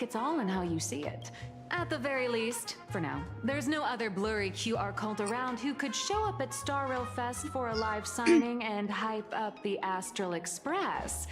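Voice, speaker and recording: A woman's voice: mid-range voice, lightly acted. A woman voicing a smug, scheming Furbo magazine boss in a game cutscene. She talks in a theatrical, self-satisfied way. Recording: reverberant with game music.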